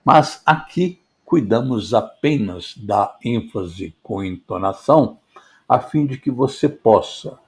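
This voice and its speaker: A man teaching public speaking in a measured, deliberate scripted lesson, stressing key words. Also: medium pitch, lively intonation.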